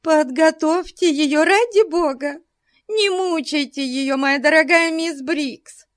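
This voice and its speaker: A scheming middle-aged lady gushes with sugary, false concern in a raised voice, as a woman reads her part. She drags out her words slowly and the sound is dry and close. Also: sits high, no echo, voice pushed up. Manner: gushing, falsely solicitous.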